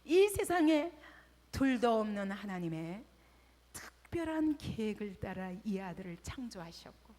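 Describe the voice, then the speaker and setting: A middle-aged woman pastor preaching an emotional sermon, dropping to hushed whispers and rising to loud cries. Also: mid-range voice, big pitch swings, unhurried. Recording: long hall reverb.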